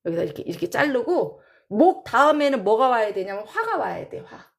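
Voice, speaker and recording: A woman's voice: fairly high pitch, sing-song, gravelly. A woman teaching a class in a casual lecture style, drawing out terms and repeating them as she counts and writes. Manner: drawn-out, repeats terms while counting and writing. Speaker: saju teacher.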